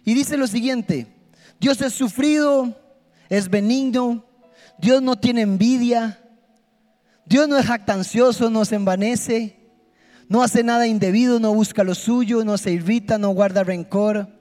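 Male preacher, emphatic sermon, unhurried delivery, echoing hall. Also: very high voice. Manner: impassioned, emphatic, swings between soft and loud. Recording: long hall reverb with faint music.

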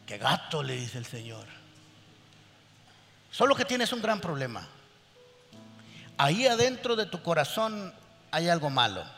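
A man with a high voice preaches a sermon with animated energy, acting out the people in his stories. His voice carries a long hall reverb, with faint music underneath. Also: measured pace, gravelly, long pauses. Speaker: pastor.

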